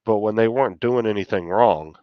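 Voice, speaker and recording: A middle-aged man with a fairly low voice talks casually and bluntly, swearing freely as he rants. The sound is muffled and carries clear room echo. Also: fairly quick. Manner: blunt, heavily profane ranting. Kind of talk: casual chat.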